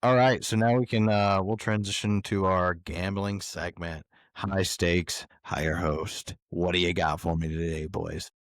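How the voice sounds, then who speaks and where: A man's voice: sits low, a little slow, no echo, clean studio sound. A man hosting a sports podcast, bluntly wrapping up one part and moving into the next. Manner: relaxed, wraps up and moves on bluntly. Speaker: podcast host leading segments.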